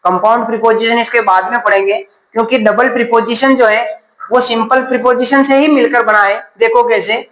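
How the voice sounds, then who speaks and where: A man's voice: extremely high pitch, steady tone, fairly quick, fairly bright tone, reverberant, poor audio. A man teaching a grammar class, asking questions and then answering them himself.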